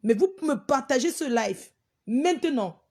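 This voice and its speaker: A woman's voice: high voice, animated, measured pace, darkish tone. A woman hosting a live stream, scolding her viewers in an exasperated, repetitive way. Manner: exasperated, repeats herself, scolding.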